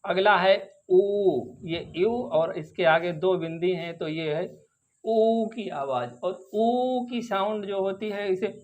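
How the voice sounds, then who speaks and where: A man teaching English vowel sounds, slowly repeating each example word. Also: high voice, dull audio. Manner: slow, drawn-out, repeats example words. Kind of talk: phonics lesson.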